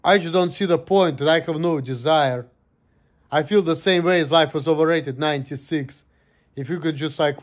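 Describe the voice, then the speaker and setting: A man's voice: on the high side, a little mellow. A man in his thirties venting in a casual vlog monologue, gloomy and full of swearing. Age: 30s. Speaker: vlogger.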